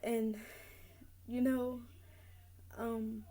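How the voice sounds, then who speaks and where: Young woman, 19, mellow warm voice, earnest, repeats herself, casual vlog to camera. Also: a little high, flat delivery, very slow. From North Carolina. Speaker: vlogger. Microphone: camera mic.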